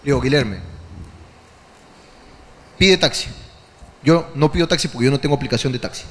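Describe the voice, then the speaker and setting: A man with a Peruvian accent, hosting a comedy podcast, telling a crude story in an animated way, dropping tag questions all the time. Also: medium pitch, rapid-fire, big-room sound. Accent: Peruvian Spanish.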